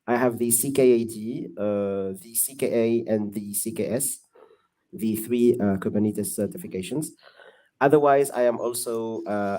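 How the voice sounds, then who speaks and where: A man with a fairly low voice speaks in a measured, explanatory way. He is a guest on an online panel and is heard over a video call. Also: dark tone. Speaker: guest expert. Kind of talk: casual online panel chat.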